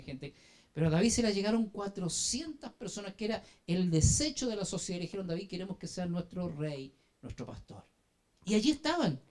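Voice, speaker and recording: A man preaching a sermon as an apostle, telling a story dramatically and urging the congregation to answer and turn to one another. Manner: dramatic storytelling, swinging from hushed low phrases to loud emphatic bursts; addresses the congregation directly with call-and-response prompts.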